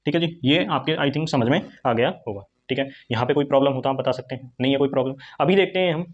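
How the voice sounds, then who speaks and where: Male teacher, quick and chatty lecture delivery, keeps asking and answering his own questions. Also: mid-range voice, lo-fi sound. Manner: repetitive call-and-response questioning; fast, chatty explaining with Hindi-English mix. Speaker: chemistry teacher. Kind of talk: online classroom lecture.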